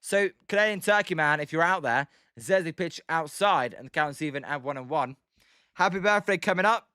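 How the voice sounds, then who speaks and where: A young British man in his twenties hosting a livestream, calling pitches and casually answering viewers' chat. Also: brisk, pushed and bright, clear, resonant tone, dry recording, clean studio sound. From United Kingdom. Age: 20s. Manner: chatty, reads out viewers' names and answers them between pitch calls. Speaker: livestream host. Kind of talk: casual play-by-play with chat replies.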